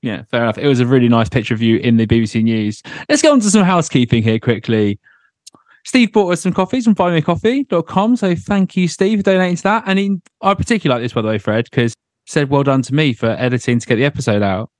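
A man with a mid-pitched voice hosts a podcast in casual conversation. The sound is dry and close, with no room around it. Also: fast talker, a little mellow, no echo. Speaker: podcast host. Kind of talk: casual chat.

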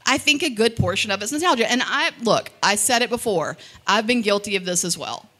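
A woman's voice: mid-range voice, lively intonation, a little fast, fairly bright tone. A woman podcast host arguing bluntly in a live comedy debate, swearing freely. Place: live event room.

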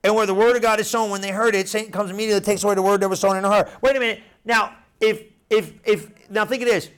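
Middle-aged male pastor, high-pitched voice, lively sermon delivery with call-and-response repetition. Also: fast talker, clear, resonant tone. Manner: animated preaching with repeated phrases and congregation call-and-response.

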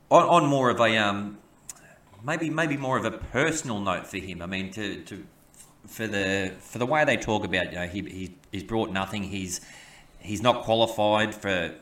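A man co-hosting a podcast, talking in halting bursts with many stammers and restarts. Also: on the low side, a bit bright. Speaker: podcast co-host. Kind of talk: opinionated podcast chat. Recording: echoey room, mic at a distance.

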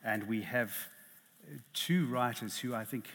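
Speaking in a mid-range, slightly bright voice with a breathy edge, this middle-aged South African man keeps a measured pace. He's chairing a literary panel, hesitant and self-deprecating, with many restarts. The recording comes from a headset in a reverberant lecture hall.

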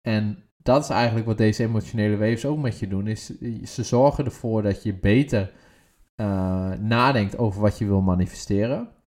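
A man's voice: lowish voice, moderate pace, a little mellow. A man co-hosting a podcast, talking in a methodical, searching way in casual chat. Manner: methodical, hesitant, with many fillers and restarts. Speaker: podcast co-host.

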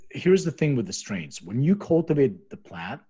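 The founder of a medicinal cannabis company, a middle-aged Philadelphian born in Lithuania, speaks as a podcast guest in a mid-range, mellow, husky voice. He is very animated yet talks at normal speed, telling his story conversationally in a rambling, explanatory manner.

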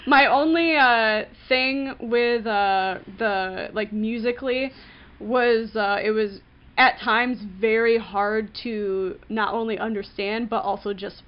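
A woman chatting casually on a podcast with a fairly high voice. She hesitates, fills pauses with ums and likes, and giggles often. The recording sounds dull and lo-fi. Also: clean tone. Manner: hesitant, many fillers, giggly. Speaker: podcast co-host.

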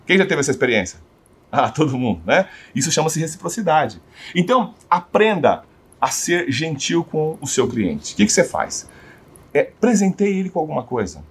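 A man's voice: on the high side, very animated, moderate pace, breathy edge. A man with a Brazilian Portuguese accent giving a sales training talk, often putting rhetorical questions to his audience.

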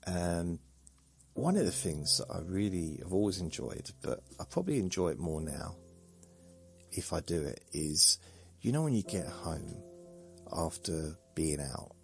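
Low gravelly man rambling. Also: very animated, a little slow, soft background music. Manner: meandering, self-deprecating, jokey asides. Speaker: podcast host. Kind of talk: rambling sleep podcast monologue.

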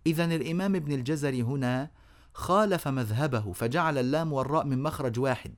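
A man teaching tajweed in a recorded lecture, asking the class questions, answering them himself and slowly repeating examples. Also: medium pitch. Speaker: Quran recitation teacher.

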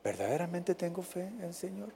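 A high-pitched Mexican man preaching with a lively, swooping delivery. His voice carries a long reverberant tail from a church hall. He climbs to loud peaks, then drops off almost to a murmur. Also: fairly quick, vocal fry, slight background noise. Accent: Mexican Spanish. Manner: animated preaching with dramatic rises and fades. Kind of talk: sermon.

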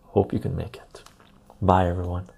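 Guy hosting a casual stream on a clip on lapel mic, dark mellow voice w lots of creak, repeats stuff. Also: low-pitched, steady tone, moderate pace. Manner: conversational, repeats phrases for emphasis. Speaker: live stream and podcast host. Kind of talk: casual live stream sign-off to chat.

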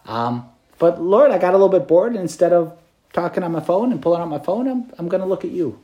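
Chatty priest with a slightly high voice. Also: male voice, animated, quick pace, highs cut off. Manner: conversational, peppered with "like" and "right?"; light self-deprecating humor. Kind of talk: preached meditation to students.

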